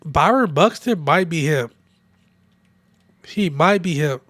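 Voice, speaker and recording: A young man with a somewhat high voice talks loosely and profanely while he plays, a little drunk and nursing a sore throat. The sound is dry and close, with no room echo. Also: animated, slow, a bit bright. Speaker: streamer. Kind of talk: casual gaming livestream chat.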